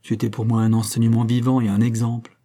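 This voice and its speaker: In a read-aloud story, a man with a mid-range, monotone, mellow voice, speaking quickly and lightly acted, voices a prim, unmarried schoolteacher aunt. She confides an old secret with earnest, impassioned feeling.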